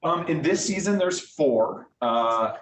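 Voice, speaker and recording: Speaking slowly and expressively in a slightly high, somewhat bright voice, a guest theater director explains things informally and answers audience questions, his talk full of fillers. The meeting room has an audience and a Zoom link too. The recording is echoey from a distant mic, with a little hiss or hum.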